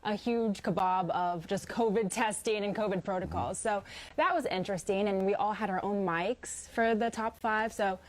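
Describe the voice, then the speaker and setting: A woman's voice: mid-range voice, moderate pace. A woman in her twenties with an American accent, answering interview questions in a poised, upbeat pageant manner. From Indiana, United States. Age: 20s. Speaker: interview guest, pageant contestant.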